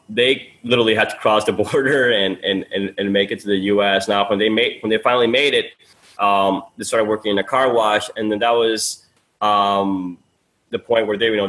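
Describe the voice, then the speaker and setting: A man's voice: on the low side, steady tone, brisk, a bit bright, low-quality recording. A man in his thirties from Peru, a guest on an interview podcast, talking casually in a loose, friendly way with lots of fillers and restarts. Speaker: guest, sales funnel coach.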